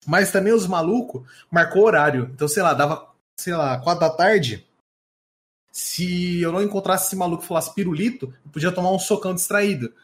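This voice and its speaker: A man's voice: high voice, fairly quick. A young man with a Brazilian accent telling a school story in casual, slangy podcast chat, rambling and laughing often. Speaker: podcast co-host.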